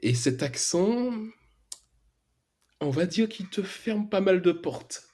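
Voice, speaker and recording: Slow but lively in intonation, a young man's high-sitting, dark-toned voice carries an Antillean French accent. The Martinican freelance web developer casually recounts his story as a podcast guest, with frequent hesitations and slang.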